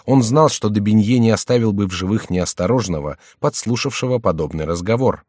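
A man narrates a novel in a measured, even manner. His voice sits fairly low. The recording is dry and close, with no room sound. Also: dry recording. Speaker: audiobook narrator.

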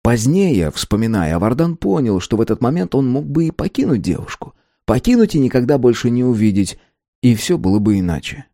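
Lively male audiobook narrator. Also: medium pitch, fairly quick, dry recording, clean studio sound. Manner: expressive, lively reading. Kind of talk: scripted narration.

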